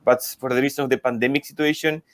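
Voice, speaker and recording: A man from Chile introducing himself on a panel, halting and searching for words. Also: medium pitch, steady tone, no room sound. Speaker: panelist, e-commerce consultant.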